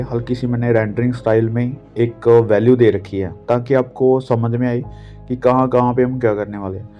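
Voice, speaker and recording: A man from India calmly explaining portrait shading step by step, like an art teacher. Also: medium pitch. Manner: patient, step-by-step explaining with fillers. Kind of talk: drawing tutorial talk. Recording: dull lo-fi audio with faint music. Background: faint background music.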